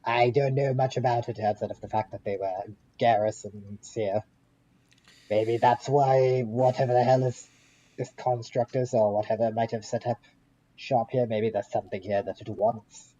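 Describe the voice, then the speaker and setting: A man's voice: medium pitch, fairly even intonation, moderate pace, dark tone, lo-fi sound. A man playing a tabletop game, talking in character with wry, grumbling remarks and casual swearing.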